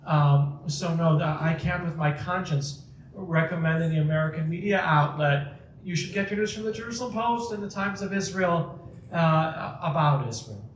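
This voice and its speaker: A guest speaker from Chicago gives a public talk with audience Q&A in a community center hall. He's a high-pitched man, energetic, full of quick asides and frequent restarts. The mic is at a distance in the echoey hall, so the sound is roomy and has a little hiss or hum.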